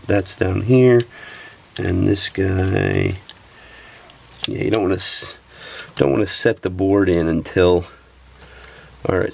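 A repair technician with a deep, breathy voice and vocal fry talks step by step through a camera repair while working with his hands at an indoor workbench. He sounds relaxed and sniffles along the way.

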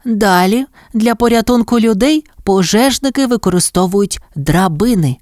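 A woman's voice: medium pitch, expressive, normal speed, darkish tone, no echo, clean studio sound, voice pushed up, lightly acted. A woman voicing a kind, capable mother dalmatian in a storybook reading, instructing her puppies. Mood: instructive. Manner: instructive, encouraging.

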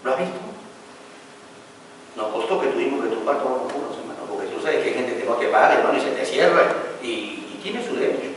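A man's voice: mid-range voice, fast. A man teaching building supervision and telling a work story, acting out a quarrel between an architect and an engineer. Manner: animated storyteller, acts out quarrels. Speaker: construction instructor. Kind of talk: lecture with anecdote. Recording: echoey hall from far off, faint noise.

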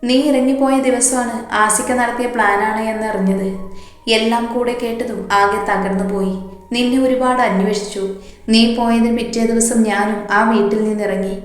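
Woman narrator as young lover, remorseful, voice breaking, pleading, fairly high, echoey room. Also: fairly even intonation, moderate pace, close to an everyday voice.

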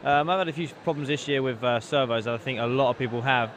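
A man's voice: medium pitch, quick pace, a bit bright, a little hiss or hum. A man, a racing driver, answering in an event hall with many ums. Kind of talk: interview answers. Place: large indoor event hall.

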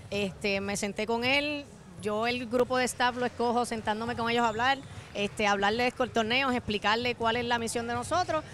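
Woman, 30s, Puerto Rican accent, coach on a handheld mic, slightly high voice, measured. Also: a bit bright, a little hiss or hum. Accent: Puerto Rican Spanish. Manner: measured, uses fillers like este. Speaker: national youth basketball coach. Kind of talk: televised interview. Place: courtside in an indoor basketball arena. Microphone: handheld microphone.

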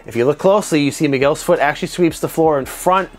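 Man, 30s, martial arts instructor, animated analytical commentary, lapel mic, home studio, faint background music. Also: a little high, fast talker. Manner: animated, conversational, self-described nitpicker. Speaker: martial arts instructor reviewing fight scenes. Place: home studio room with desk lamp and monitors. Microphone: clip-on lapel mic.

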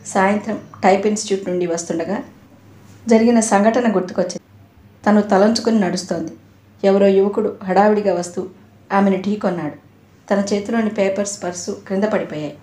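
A woman narrating a novel as an audiobook reader, in a steady, expressive reading voice. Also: mid-range voice, fairly quick. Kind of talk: storybook narration. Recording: echoey room.

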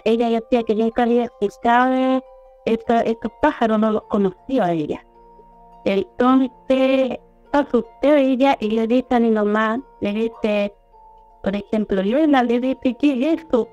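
A woman with a Chilean accent, her voice sitting a little high, tells a personal story in a halting, rambling way, circling back and restarting words. The audio is muffled and lo-fi, as if through a phone, with faint music underneath. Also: fairly even intonation, dark tone. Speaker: storyteller guest. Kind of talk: recounting a personal experience.

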